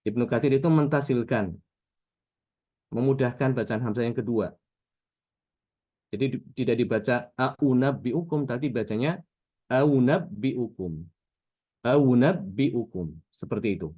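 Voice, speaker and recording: A man teaching Quran recitation rules in a patient lesson, often drawing out example words slowly and checking in with his listeners. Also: medium pitch, darkish tone. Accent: Indonesian.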